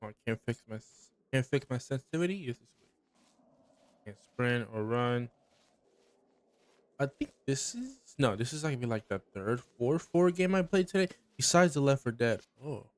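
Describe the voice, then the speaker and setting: A man's voice: medium pitch, expressive, moderate pace, dry recording. A man giving let's play commentary on a game, reacting with startled exclamations and chuckles. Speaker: gamer.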